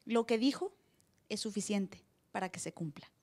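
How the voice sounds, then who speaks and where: A woman pastor preaching a sermon live in church, acting out voices with sudden loud cries. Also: mid-range voice, normal speed.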